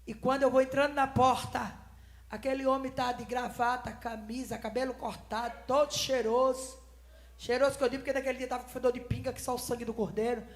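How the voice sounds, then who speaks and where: A woman preaching a fervent Pentecostal sermon, swinging between shouting and hushed tones and breaking into speaking in tongues. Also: a little high, flat delivery, a little fast.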